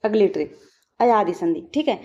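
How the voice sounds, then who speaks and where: A woman teaching a grammar lesson for exam preparation, patient and repetitive, drilling examples slowly and checking in often. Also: mid-range voice, expressive, mellow, lo-fi sound.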